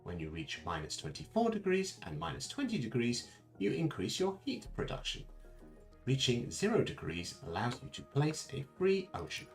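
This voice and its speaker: A man voicing a creepy male computer narrator, reading out a game tutorial in a measured, announcing tone. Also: mid-range voice, wildly swooping pitch, gravelly, faint music behind, voice pushed up. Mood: flat, eerie.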